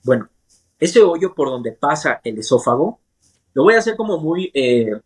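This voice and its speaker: A man's voice: fairly high pitch, very animated, normal speed, slightly rough. A man, a gastrointestinal surgeon, explains medical ideas in plain terms as an interview guest. He speaks in a patient, teacherly way and often checks that he is understood.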